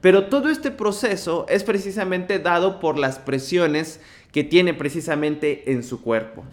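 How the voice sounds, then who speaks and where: A man's voice: fairly high pitch, measured pace. A man, explaining at length on a talk show in a rambling way with many hedges.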